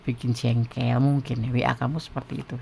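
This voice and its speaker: A man with a gravelly, creaky voice talks straight to his viewers. He gives blunt, frank relationship advice in a loose, chatty monologue. A faint hiss sits under his voice. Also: mid-range voice, flat delivery, fairly quick. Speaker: tarot reader giving love advice.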